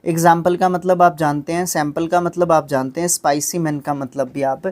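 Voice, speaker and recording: A man's voice: on the high side, steady tone, moderate pace, darkish tone. A man teaching English vocabulary, explaining patiently, checking in with listeners at every step and sounding out hard words syllable by syllable. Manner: explains patiently with constant tag questions. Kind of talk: vocabulary lesson.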